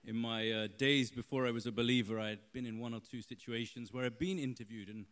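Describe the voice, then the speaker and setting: A man's voice: mid-range voice, steady tone, fast, a bit bright, in a large hall. A man, a church interview guest telling stories with a playful, joking manner. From London, England.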